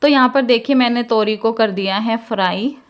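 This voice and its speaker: A woman from India in her thirties talks casually to her viewers as a home vlogger, pitched a touch high. Her chatty, homely flow keeps addressing the audience directly. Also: normal speed, smooth.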